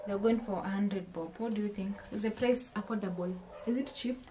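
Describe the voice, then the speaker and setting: Filming at arm's length in her small home kitchen, a young vlogger with a Kenyan accent chats through a haul, questioning viewers and frequently starting phrases over. She talks a little fast in a mid-range voice over background noise.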